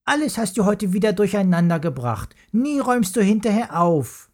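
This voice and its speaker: A narrator voicing a young girl, a teasing, bossy sister in a children's story, talking high and quick. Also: gravelly, darkish tone, slightly rough. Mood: complaining.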